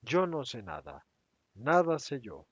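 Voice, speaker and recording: A man's voice: mid-range voice, wildly swooping pitch, slow pace, slightly rough, no room sound, full character voice. A man voicing Judas, a resentful and defensive adult apostle who protests in a raised, agitated voice. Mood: indignant. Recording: dry, slightly dull recording.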